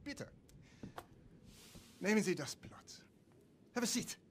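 An actor playing a cruel, sly middle-aged German officer, speaking in a silky, mocking way with a German accent. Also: male voice, high-pitched, very animated, slow, a little hiss or hum, exaggerated voice. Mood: cold. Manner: silky, mocking, relishing menace.

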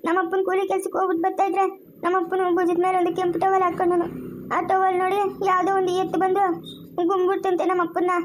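A timid, tearful young village woman, played by a woman, with a rural Chikkaballapur Kannada accent, from a homemade family skit. She talks softly and haltingly in a very high voice, as if close to tears. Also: completely flat delivery, noisy background. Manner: soft, halting, tearful storytelling.

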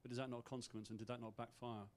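A journalist presses his point again and again. He talks at a very rapid pace. A faint rumble sits under his voice. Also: flat delivery. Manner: pressing, insistent. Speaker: journalist asking questions.

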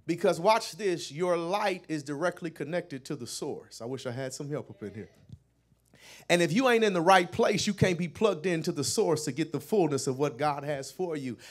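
A middle-aged man preaching a sermon as a pastor, repeating words and building to shouted peaks that call the congregation to respond. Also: a little high, moderate pace, few pauses.

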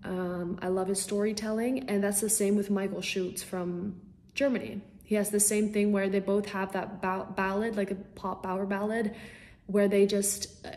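Speaking with little pitch movement, this woman has a mid-range, darkish voice and a moderate pace. She's a young singer-songwriter from the Netherlands on a video call from a small room at home, casually answering interview questions. Bubbly and eager, she says um a lot.

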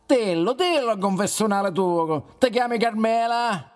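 A teasing talking confessional voiced by a man, an uncle figure. His pitch swoops all over, and he takes his time with every word, drawing out his jibes. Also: lively intonation. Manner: teasing, dialect-flavored, drawn-out. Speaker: actor.

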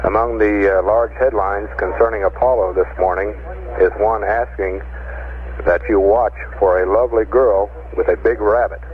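Low male voice over crackly space radio. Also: fairly even intonation, moderate pace. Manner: plain, matter-of-fact reading with frequent uh fillers. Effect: crackling space radio link. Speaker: mission control radio communicator. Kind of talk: radio news briefing to astronauts. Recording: tinny, hissy archival radio transmission.

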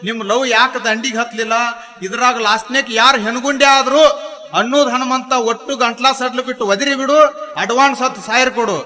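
A man's voice: extremely high pitch, steady tone, pushed and bright. A man playing his part in a comic skit, teasing and firing off questions one after another. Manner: teasing, rapid-fire questioning. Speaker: comic performer.

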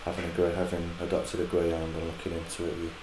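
A forty-year-old man answering interview questions haltingly, with many fillers and restarts. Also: deep voice, completely flat delivery, reverberant, noisy background. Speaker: interviewee, greyhound adopter. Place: indoor room, seated in armchair.

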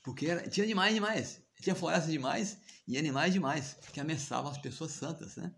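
A man's voice: fairly high pitch, brisk, vocal fry, fairly bright tone, a little hiss or hum. A man with a Brazilian accent retelling a scripture story in a chatty way, often asking listeners to agree. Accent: Brazilian Portuguese. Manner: chatty, frequent tag questions and chuckles. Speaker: devotional teacher.

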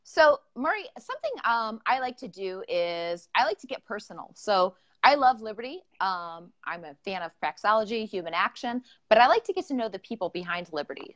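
A woman's voice: mid-range voice, a bit bright. A woman hosting a casual live-streamed podcast interview, talking in a chatty, enthusiastic way. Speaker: podcast host.

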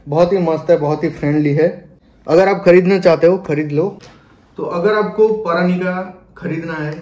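Speaking at normal speed with fairly even intonation, a young adult vlogger runs through a casual, repetitive product demo to camera, sprinkling in English. His mellow voice sits on the high side, and his small bedroom gives the recording a roomy echo.

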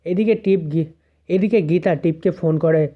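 A man's voice: fairly high pitch, moderate pace. A man casually recapping a TV serial, quoting each line and restarting words. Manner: retells with many quotes, restarts words. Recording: tinny phone-like audio.

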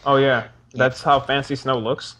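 A man's voice: mid-range voice, flat delivery, measured pace, a bit bright. A teenage boy hosting a casual game session with a friend, chatting, joking and asking viewers for likes. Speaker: gaming channel host.

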